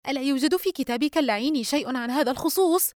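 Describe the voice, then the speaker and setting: A woman's voice: lively intonation, racing, darkish tone, no echo, studio quality. Yusra, a woman doing a frightened young woman. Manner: high, strained, urgent.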